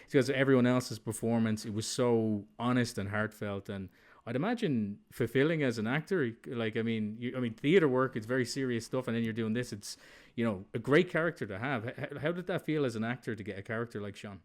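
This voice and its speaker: A man's voice: medium pitch, a little fast. A man hosting an interview, an enthusiastic fan who agrees and praises readily. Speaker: podcast host. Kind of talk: casual interview chat.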